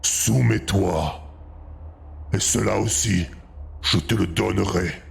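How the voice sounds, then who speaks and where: A man voicing a huge, domineering demon who speaks in a slow, menacing, gravelly way in a tabletop game. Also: low-pitched, full character voice. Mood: tempting, commanding. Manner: menacing, commanding, slow drawn-out delivery.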